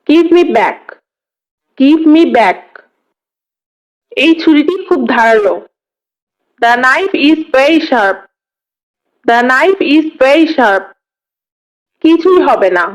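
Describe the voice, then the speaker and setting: A woman teaching English, reading each short phrase and then repeating the English slowly and clearly. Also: sits high, muffled recording. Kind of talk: phrase-by-phrase language lesson reading.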